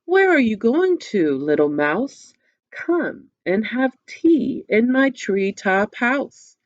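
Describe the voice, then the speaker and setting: A woman's voice: fairly high pitch, sing-song, slow pace, dry recording, highs cut off, voice pushed up. A woman voicing a prim, hungry owl with an inviting tone in a storybook read-aloud.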